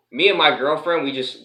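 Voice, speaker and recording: A man tells a story in a casual vlog. He rambles and keeps saying "you know," and he swears freely. His voice comes across bright and forceful, with a roomy echo around it. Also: medium pitch. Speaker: martial arts instructor.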